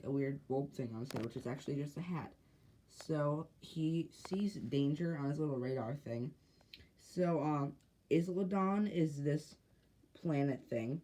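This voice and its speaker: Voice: medium pitch, warm tone. A speaker casually narrating a homemade sci-fi short, hesitant and rambling with lots of fillers and restarts.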